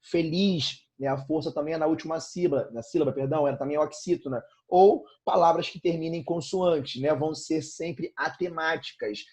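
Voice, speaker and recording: A man's voice: on the high side, fairly quick, hardly any pauses, darkish tone, husky. A Brazilian man teaching an informal online grammar lesson, repeating points and checking in with frequent tag questions. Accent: Brazilian Portuguese.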